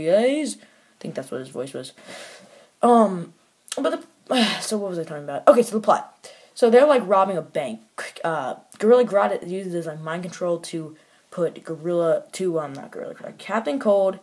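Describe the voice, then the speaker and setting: A man's voice: fairly high pitch, darkish tone. A man casually reviewing a toy set, rambling with lots of fillers and restarts and making offhand, mildly critical remarks.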